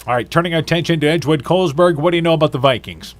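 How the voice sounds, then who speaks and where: A man hosting a sports radio broadcast, brisk and upbeat as he interviews a coach. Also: on the high side.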